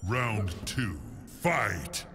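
Slow, booming fighting game announcer. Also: male voice, sing-song, full character voice. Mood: commanding. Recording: long reverb over loud game music.

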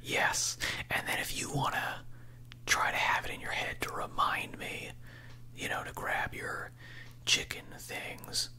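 A man in his thirties chatting casually on the phone in a breathy ASMR whisper, close to a desktop microphone in a small room. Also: unhurried, pushed and bright. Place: small room indoors at home. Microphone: close desktop condenser microphone.

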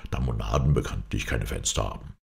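A man voicing a melancholy, brooding man who grieves for his lost wife and son, speaking in a hoarse voice with a philosophical, mournful manner. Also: very deep voice, fairly quick.

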